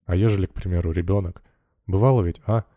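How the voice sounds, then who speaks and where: A man's voice: low-pitched, fairly even intonation, fast talker, no room sound, narrow, tinny audio, close to an everyday voice. A man voicing a stern, prying middle-aged miller questioning his worker in an audiobook.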